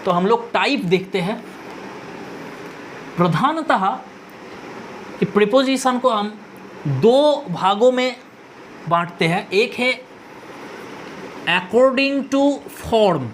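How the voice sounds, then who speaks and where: A woman teaching a grammar lesson, explaining each term slowly and repeating the key words. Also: medium pitch, animated, slight background noise. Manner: slow, deliberate, repeats key terms.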